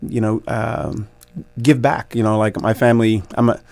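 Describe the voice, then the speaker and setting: A man in his forties with a lowish, gravelly voice talks as a radio guest. He reflects warmly on his coaching career, chuckles often, and works through his thoughts with plenty of ums and restarts. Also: steady tone, normal speed, dry recording. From Canada. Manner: reflective, grateful, laughs easily, many fillers. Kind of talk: radio interview conversation.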